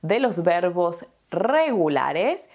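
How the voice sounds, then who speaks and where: Female teacher, slow, deliberate lesson delivery, patient tone. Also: lowish voice, sing-song, a little mellow. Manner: patient, adds checking tags like "¿sí?" and "¿no?". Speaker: Spanish teacher. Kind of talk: slow, clear explanatory lesson.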